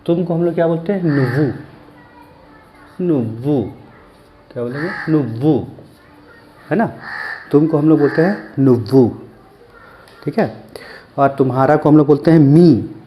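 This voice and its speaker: A man giving a language lesson, slowly repeating each word and asking and answering his own questions. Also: a little high, highs cut off, background noise. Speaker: language teacher.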